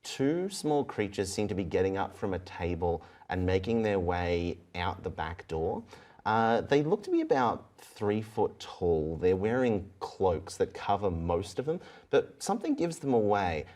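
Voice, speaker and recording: Guy running a tabletop rpg, lowish voice, really lively pitch, halting chatty storytelling. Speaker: game master. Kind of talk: narrating a tabletop game.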